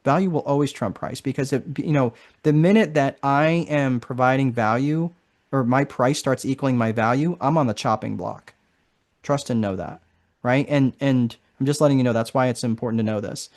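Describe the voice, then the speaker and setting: A man's voice: medium pitch, moderate pace, darkish tone. A man hosting a live online course session in a casual, chatty way, often tagging sentences with "right?". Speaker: marketing strategist presenting a course.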